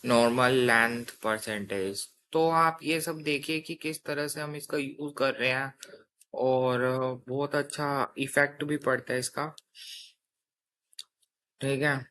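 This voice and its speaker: Over slight background noise, a young man speaks slowly in a steady, sharp medium-pitched voice while teaching a coding lesson. He keeps the tone casual, goes step by step, and often asks "theek hai" to check on listeners.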